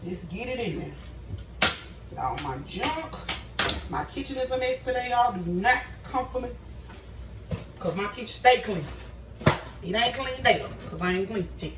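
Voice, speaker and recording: A woman's voice: mid-range voice, expressive, moderate pace, pauses often, background noise. A woman hosting a casual cooking vlog in her home kitchen, chatting to viewers. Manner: chatty, talks to viewers as y'all. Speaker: cooking vlogger. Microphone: phone camera. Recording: echoey kitchen, phone mic at a distance.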